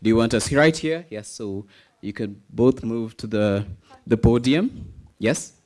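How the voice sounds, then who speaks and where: A man's voice: mid-range voice, unhurried, a little mellow. A man emceeing a live raffle draw at an event, playful and teasing, calling numbers like an auctioneer.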